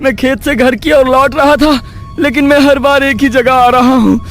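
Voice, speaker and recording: A man voicing a panicked young villager's son in an animated horror story, talking in a frantic, pleading way. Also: very high-pitched, normal speed, faint music behind, voice pushed up.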